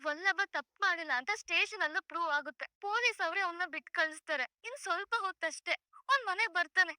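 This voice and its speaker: A woman's voice: very high voice, quick pace, sharp tone, no room sound, exaggerated voice. An actress playing a young wife who soothes and insistently reassures her mother-in-law. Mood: consoling.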